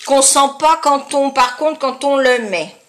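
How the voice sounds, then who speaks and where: A woman chatting casually to viewers in a product review, with a congested, honking nasal voice and a halting delivery as she searches for words. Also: sits high, a bit bright, a little hiss or hum. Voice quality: nasal, honking, duck-like voice from blocked sinuses. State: congested with sinusitis. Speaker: beauty vlogger.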